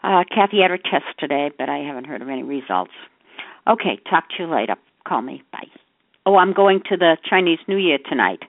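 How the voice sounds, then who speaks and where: A woman's voice: sits low, lively intonation, a little fast, no room sound. An older woman leaving casual, rambling phone messages as a mother to her grown child, conversational and scattered, often trailing into half-finished thoughts. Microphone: telephone. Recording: muffled narrow-band phone voicemail.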